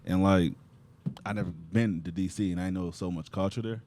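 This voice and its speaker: A man's voice: low voice, fairly even intonation, brisk, a little mellow, slight background noise. A man co-hosting a podcast in a laid-back, laughing casual chat. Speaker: podcast co-host.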